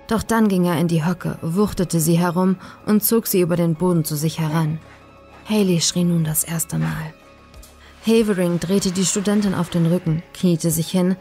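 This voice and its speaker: Low, gravelly woman narrating horror. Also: dark tone. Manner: measured, ominous storytelling. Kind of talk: scripted horror audiobook narration. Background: faint eerie music.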